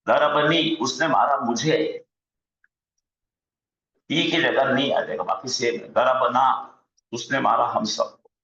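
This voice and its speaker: A man teaching an online Arabic grammar lesson, slowly drilling word forms aloud on a video call. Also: medium pitch, steady tone, bright, forceful tone. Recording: dull echoey room sound.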